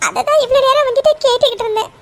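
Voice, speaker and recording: A betrayed young woman from a cartoon, with a piercingly high voice. She sobs through her words, and her voice keeps breaking. Faint ambience hums behind her. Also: fast talker, slight background noise. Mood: tearful. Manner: sobbing, breaking voice. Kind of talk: cartoon voice acting.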